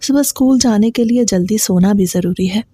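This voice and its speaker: A woman reading the lines of a gentle, devoted, poor mother who speaks softly and encouragingly. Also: mid-range voice, no room sound, natural voice. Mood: tender. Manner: soft, encouraging.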